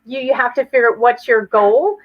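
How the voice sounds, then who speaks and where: Higher-pitched woman, chatty explainer, dull audio. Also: brisk. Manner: chatty, illustrates with hypothetical examples. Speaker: interview guest, fundraiser. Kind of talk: conversational explaining.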